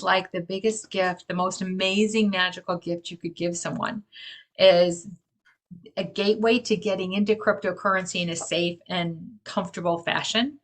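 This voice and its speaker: A woman enthusiastically explaining a crypto gift card in casual talk on a video call, gushing as she goes. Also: mid-range voice. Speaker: crypto community organizer.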